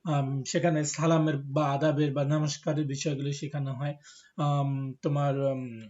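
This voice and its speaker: A male teacher, giving a classroom lecture and explaining slowly with many fillers. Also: fairly high pitch, level tone, darkish tone. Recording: dull lo-fi recording.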